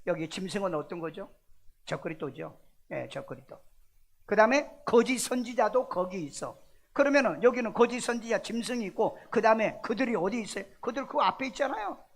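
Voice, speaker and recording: A man's voice: sits high, lively intonation, fairly quick, vocal fry. A male pastor preaching a sermon in a church, emphatic and full of rhetorical questions. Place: church sanctuary.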